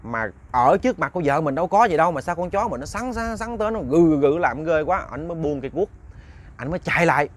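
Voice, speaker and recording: A man's voice: on the high side, expressive, quick pace. A man with a Southern Vietnamese accent telling a ghost story, chatty and talking straight to his listeners. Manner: chatty, addresses listeners directly.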